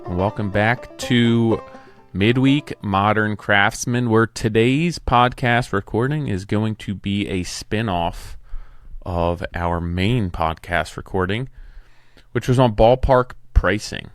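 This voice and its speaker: A man's voice: lowish voice, slow pace, dry recording, studio quality, faint music behind. A man in his forties hosting a solo podcast about his building trade, talking in a plainspoken, conversational way. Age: 40s. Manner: plainspoken, conversational, some restarts. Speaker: podcast host, home builder. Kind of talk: casual solo podcast talk.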